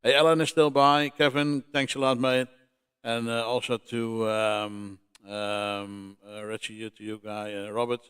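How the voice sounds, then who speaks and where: A man running a ham radio contact on a livestream, speaking in a halting, friendly way with many fillers. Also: fairly low pitch, level tone, a bit bright, clean tone.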